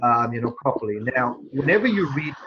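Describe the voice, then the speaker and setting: A man's voice: mid-range voice, animated, brisk, dull audio, background noise. A man teaching an English test prep class over a video call, explaining at length with frequent fillers. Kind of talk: online class instruction.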